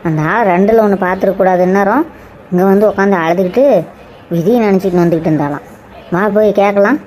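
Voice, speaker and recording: A woman voicing a bossy, fast-talking village neighbour. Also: mid-range voice, darkish tone, close to an everyday voice. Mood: scolding. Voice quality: scolding, brisk and commanding. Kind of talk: cartoon drama voice acting.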